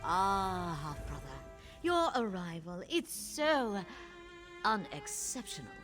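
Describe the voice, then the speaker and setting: A woman's voice: mid-range voice, sing-song, slow, music in the background. Haughty, theatrical usurper queen. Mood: bored disdain. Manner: imperious, mocking, theatrical. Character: haughty, scheming usurper queen, cruelly seductive and dismissive. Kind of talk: dramatic fantasy video game acting.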